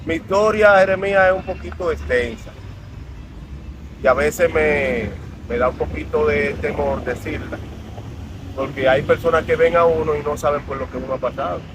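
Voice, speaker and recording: A man from the Dominican Republic, appearing as an interview guest, tells his life story earnestly and reflectively. His voice is a little high and moves at normal speed. Outdoor traffic noise can be heard in the recording.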